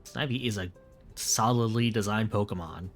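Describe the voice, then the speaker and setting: A man's voice: on the low side, moderate pace, soft background music. A man streaming late at night, chatting casually and rambling, correcting himself as he replies to viewers.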